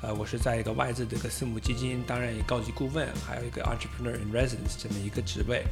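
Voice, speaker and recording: A man's voice: mid-range voice, flat delivery, very fast, vocal fry, music in the background. A man from the United States, a native English speaker with an American accent, chatting as a podcast guest. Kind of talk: casual interview talk.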